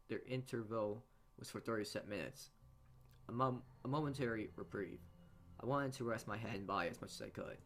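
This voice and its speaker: Game music sits behind this man's fairly low, slightly bright voice, along with a little background noise. Hosting a let's play, he reads a visual novel's narration aloud with side remarks, tripping over words and going back over phrases.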